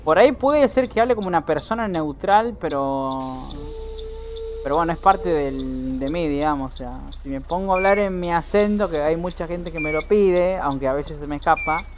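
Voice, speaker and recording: Streaming a driving game, an Argentine man chats casually with viewers in his Argentine accent, commenting live and occasionally swearing. His voice is a little high and animated at normal speed, with slight background noise.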